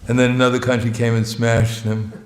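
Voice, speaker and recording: With a medium-pitched, utterly flat voice and a brisk pace, a visiting monk delivers a light, joking sermon in a temple hall. He mocks himself plainly and chuckles between lines, while the echoey recording carries a little hiss or hum.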